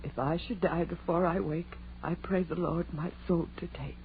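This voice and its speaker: A woman's voice: fairly low pitch, fairly even intonation, moderate pace, close to an everyday voice. An actress playing a frightened, pleading young woman in an old-time radio horror drama, anxious and imploring. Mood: fearful praying. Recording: tinny, noisy vintage radio recording.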